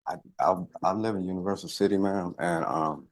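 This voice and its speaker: A man of about thirty from California, answering a judge in a courtroom in a halting, pleading way. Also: low voice. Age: 30s. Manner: halting, many fillers, pleading. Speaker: defendant. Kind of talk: courtroom testimony.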